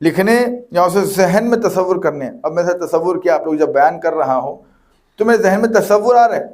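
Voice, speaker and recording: Brief: cleric teaching rulings, man with a high-pitched voice, patient and repetitive, leans on examples. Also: expressive, darkish tone. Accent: Urdu with Hyderabadi touch. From Hyderabad, Pakistan. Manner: explains with examples, repeats phrases. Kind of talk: religious lesson.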